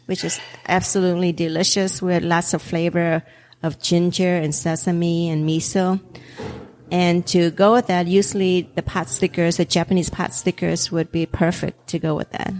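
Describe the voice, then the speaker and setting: This restaurant owner, a woman whose native tongue is Vietnamese, has a lowish, somewhat dark voice with a faint hiss or hum. She talks loosely in an interview, laughing readily and saying um often.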